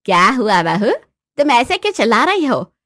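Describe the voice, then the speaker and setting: A woman's voice: fairly high pitch, big pitch swings, moderate pace, a bit bright, no room sound, studio quality. A woman voicing a nosy, scolding older neighbour aunt in a storybook tale, theatrical and bossy.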